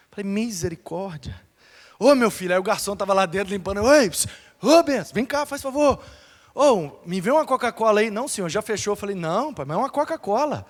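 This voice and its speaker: A man's voice: high voice, a bit bright, in a large hall. A male pastor with a Brazilian accent, telling a story in a sermon and acting out the dialogue and sound effects. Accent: Brazilian Portuguese. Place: church hall.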